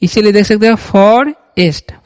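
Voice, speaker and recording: Male tutor, slow repeat-after-me delivery, high pitch, reverberant room. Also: darkish tone. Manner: slow, repeats words for students to echo. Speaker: English teacher. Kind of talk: Hindi-medium reading lesson. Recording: long hall reverb.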